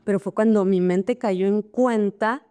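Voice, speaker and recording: Woman with a warm, mellow voice. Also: medium pitch, fairly even intonation, unhurried, clear, resonant tone. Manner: emotional, repeats words when recalling. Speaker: interview guest. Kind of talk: personal life story in conversation.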